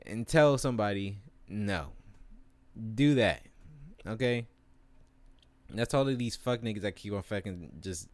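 A man's voice: on the low side, no room sound. A young man delivering a crude, rambling, exasperated comedic rant to camera with lots of fillers. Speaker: vlogger.

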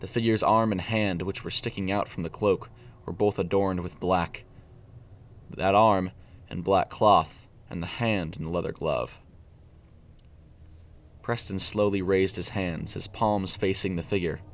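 Deep-voiced man narrating a story. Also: fairly even intonation, measured pace.

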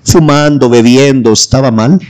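A man from El Salvador with a Salvadoran accent, telling a personal faith testimony as a guest, lively and acting out the voices he quotes. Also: mid-range voice, normal speed. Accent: Salvadoran Spanish.

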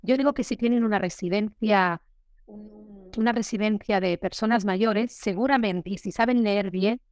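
A woman, an actress, talking candidly in an interview, telling her story lively and acting out the voices she quotes. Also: medium pitch, normal speed, dry recording, studio quality. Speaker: guest, actress.

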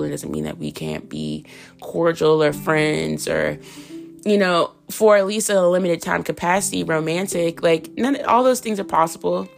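A woman's voice: sits low, gravelly. A woman in her thirties hosting a solo podcast, talking candidly and frankly in a chatty way full of fillers, with hiccups and coughs. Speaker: podcast host. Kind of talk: casual solo podcast monologue.

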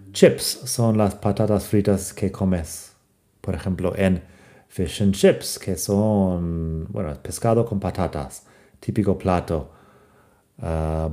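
Slow, low-voiced American man teaching. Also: dark tone. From United States. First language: English. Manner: slow, careful, spells words out letter by letter. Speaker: language teacher. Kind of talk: podcast lesson.

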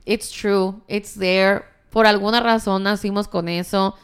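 A woman's voice: medium pitch, flat delivery, unhurried, smooth. A woman co-hosting a podcast in casual, bantering chat, slangy and switching between Spanish and English. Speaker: podcast co-host.

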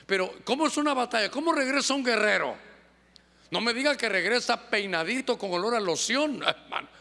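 A man preaches with fervor, his voice pitched high and edged with a gravelly crackle. He exhorts the congregation and slips into quick impersonations of church members. His words ring out with the long reverb of a church hall. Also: animated, bright, forceful tone. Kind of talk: sermon.

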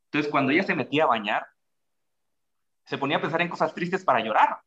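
Animated Mexican man with bright voice. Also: fast. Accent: Mexican Spanish. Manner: animated, acts out quoted speech with big pitch jumps. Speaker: guest speaker. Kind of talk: casual explanatory talk. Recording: dull lo-fi sound.

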